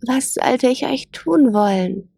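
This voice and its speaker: A woman's voice: sits high, lively intonation, slow, creaky, dark tone, husky, dry recording, clean studio sound, pitched above the performer's own voice, full character voice. A woman voicing a curious young male lion in a storybook reading, speaking earnestly in a raised voice. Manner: earnest, open questions.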